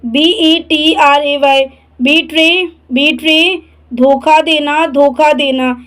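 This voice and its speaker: Teacher read: woman, high voice, very slow and deliberate, spells out each word before repeating it. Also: steady tone, a bit bright, poor audio. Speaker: English vocabulary teacher. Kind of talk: spelling and translating word lesson.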